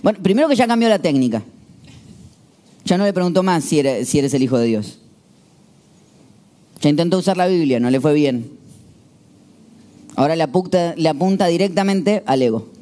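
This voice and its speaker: A man preaching a sermon as a pastor, telling the story in an animated way. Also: fairly high pitch, normal speed, pauses often. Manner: animated, storytelling, shifts into quoted voices.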